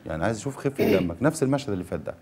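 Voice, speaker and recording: A man's voice: lowish voice, sing-song, racing, darkish tone, a little hiss or hum. A man with an Egyptian accent running an audition as casting director, giving directions and teasing the candidate.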